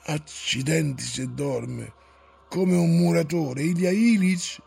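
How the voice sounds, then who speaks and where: A man voicing a stubborn, grumbling old manservant who keeps nagging and coaxing his master, in a husky, creaky voice. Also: on the high side, slow, a little mellow, heavily acted.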